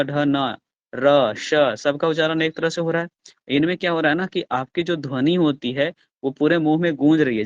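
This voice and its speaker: Hindi grammar teacher sounding out letters. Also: male voice, on the high side, no room sound, highs cut off. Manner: explains step by step, asks the class questions and answers them himself; sounds out letters slowly and loudly. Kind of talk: online class lecture.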